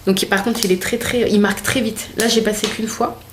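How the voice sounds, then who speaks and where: A woman's voice: mid-range voice, steady tone, a little fast, a little hiss or hum. Chatty young woman showing makeup. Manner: chatty, hesitant, many fillers and restarts. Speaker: beauty vlogger. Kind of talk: casual makeup haul vlog. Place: home room with a desk.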